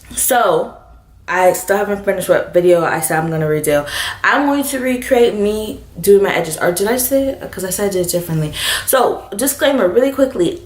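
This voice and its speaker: A young woman vlogging about her hair in a quick, bubbly, self-aware and rambling way. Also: medium pitch. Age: young adult. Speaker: beauty vlogger. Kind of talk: casual chatty vlog. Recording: roomy echo.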